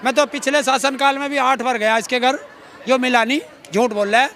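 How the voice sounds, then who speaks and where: A middle-aged farmer activist from Uttar Pradesh, India, speaks in an extremely high, steady voice that is brisk, bright and forceful. He's being interviewed outdoors in a public place, answering combatively and sarcastically with plenty of rhetorical challenges. A faint crowd can be heard behind him.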